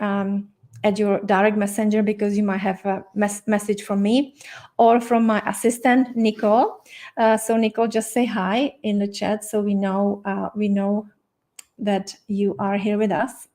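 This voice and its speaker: A middle-aged Czech woman, a doctor and health coach, leads a live-streamed online masterclass on health in a friendly manner, her speech full of fillers and restarts. Her voice is medium-pitched with a darkish tone and a Czech accent.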